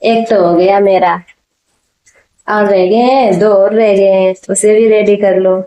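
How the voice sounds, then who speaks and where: A woman's voice: mid-range voice, steady tone, slow, warm tone, slight background noise. A middle-aged woman vlogging at home, chatting straight to her viewers while she works, raising her voice over a running machine. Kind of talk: casual how-to vlog.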